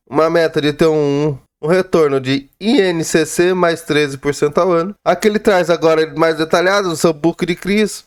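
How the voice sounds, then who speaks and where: A Brazilian man with a sore throat and a head cold, slightly slurred in diction, giving informal commentary on a financial report as a video host. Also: fairly high pitch. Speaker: YouTube host reviewing real-estate funds.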